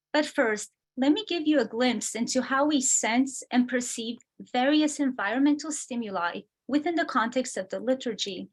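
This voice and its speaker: A woman from Romania giving a measured, explanatory prepared lecture over a video call. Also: on the high side. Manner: measured, explanatory, reads from slides. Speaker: guest speaker.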